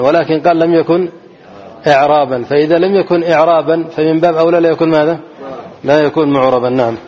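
A man's voice: a little high, a little mellow. A man teaching an Arabic grammar lesson who keeps asking his students questions, answers them himself and repeats the key words. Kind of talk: classroom grammar lesson with call-and-response questions. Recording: dull lo-fi recording.

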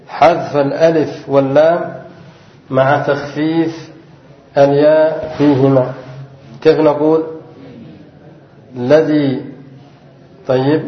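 A male grammar teacher lectures in a reverberant room, his voice slightly raised in pitch. He reads a text aloud, stops to ask his students questions and answers them himself, repeating the main points. The recording is muffled and lo-fi. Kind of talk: classroom lecture, reading and explaining a text.

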